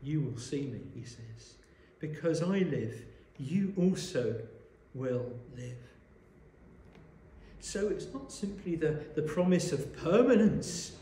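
A man preaching a sermon, explaining a Bible passage in a measured way and asking rhetorical questions, recorded in a church. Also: a little high, mellow. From Wales. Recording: echoey church room.

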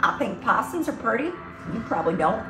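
A woman's voice: a little high, sing-song, normal speed, pushed and bright, full character voice. An actress playing a rude young woman suspect who talks in a sarcastic, dismissive way, in a sketch comedy. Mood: sullen. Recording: roomy echo, faint music.

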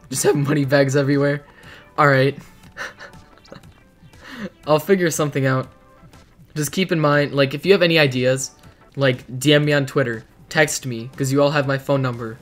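Hours of streaming have left this teenage boy hoarse as he rambles casually, responding to his chat in a dim bedroom. He speaks at a medium pitch with a fairly bright tone.

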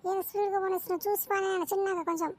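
A nagging, fretful cartoon village mother, voiced by a woman. Her voice sits very high and races along. She scolds in quick bursts. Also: fairly even intonation, dry recording. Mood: scolding. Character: fussy scolding village mother, middle-aged. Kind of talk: cartoon voice acting.

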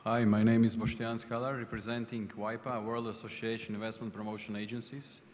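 A man's voice: fairly low pitch, little pitch movement, fairly quick, darkish tone. A man representing an association, introducing himself plainly on a conference panel. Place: conference hall stage, seated. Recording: hall reverb.

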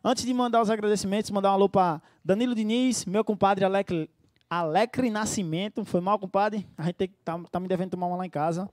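A man, a singer hosting his own live stream and effusively sending shout-outs to the crowd. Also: high-pitched, fairly quick, no room sound, clean studio sound. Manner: effusive, talks straight to the crowd.

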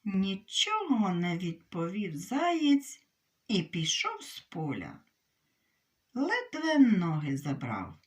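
A woman reading a children's fairy tale aloud in an expressive, unhurried storytelling manner. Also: mid-range voice, recorded from a distance.

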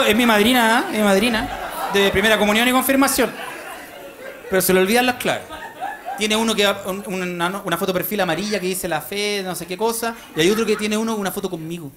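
A man with a Chilean accent performing a stand-up comedy routine on a club stage into a handheld mic, rowdy, switching between confiding asides and shouting. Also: high voice. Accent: Chilean Spanish. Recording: live show with loud crowd and noise.

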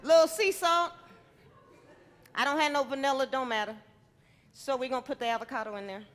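On a stage set inside a large hall, a middle-aged woman chef demonstrates cooking live, joking and teasing with the crowd through her headset mic. She speaks fairly quickly in a high, fairly bright voice, and the sound rings with the long reverb of a big space.

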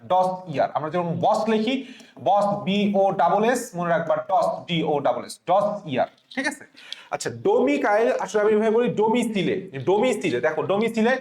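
A man teaching spelling for exam prep, spelling words letter by letter and having students repeat after him. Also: sits high. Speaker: spelling tutor for medical admission students. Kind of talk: classroom-style exam lesson. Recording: echoey room.

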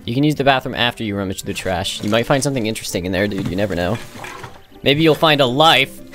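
Male gaming commentator, casual and sarcastic, prone to loud mock-outraged bursts, music underneath. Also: medium pitch, lively intonation, quick pace. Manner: sarcastic, mocking running commentary with sudden loud outbursts.

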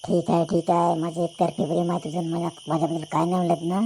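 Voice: medium pitch, level tone, fast, creaky, warm tone, a little hiss or hum, natural voice. A voice actor playing a lovesick schoolboy who pleads and pities himself in a cartoon. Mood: moping. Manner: pleading, self-pitying. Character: lovesick schoolboy, moping and stubborn. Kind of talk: cartoon voice acting.

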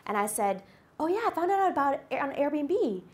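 A woman in her forties from the United States, a company executive giving a guest lecture to a university class. She speaks into a handheld microphone on a lecture hall stage and tells personal stories in a lively, upbeat way. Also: sits high, normal speed.

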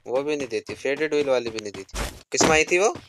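Young male streamer, casual game commentary, animated outbursts, heavy background noise. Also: medium pitch. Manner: chatty, quick bursts of excitement and grumbling. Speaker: gaming streamer.

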